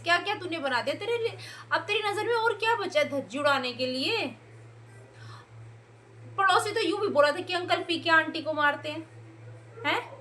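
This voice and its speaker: A woman's voice: sits high, a bit bright, a little hiss or hum. A young woman ranting in a heated reaction video, scolding and sarcastic, mocking the people she criticizes. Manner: scolding, sarcastic, mocks others by mimicking them. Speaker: YouTube reaction commentator.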